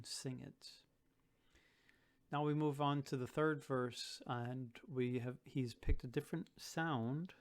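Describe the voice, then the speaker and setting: A man teaching a song lesson, thinking aloud and reciting verse lines slowly with careful stress. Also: mid-range voice, a little mellow, clear, resonant tone. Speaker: Gaelic song tutor. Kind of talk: relaxed spoken lesson with slow recitation.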